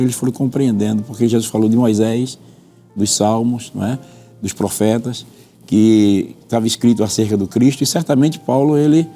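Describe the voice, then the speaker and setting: A man's voice: on the low side, vocal fry, warm tone. A Brazilian man, a pastor, teaching on a religious TV panel in an earnest, expository way, quoting scripture and repeating points for emphasis. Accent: Brazilian Portuguese.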